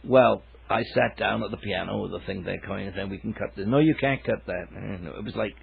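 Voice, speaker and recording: An older man from Wales with a gravelly, somewhat low voice. He rambles through relaxed anecdotes, pausing on fillers. The sound is narrow and phone-like. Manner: rambling, hesitant storyteller with many fillers. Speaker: songwriter guest.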